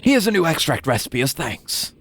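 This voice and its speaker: A man's voice: a little high, sing-song, moderate pace, fairly bright tone, a little hiss or hum, voice pushed up. A man voicing an earnest, grateful old scholar in a formal manner, reading out video game dialogue. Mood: pleased, earnest.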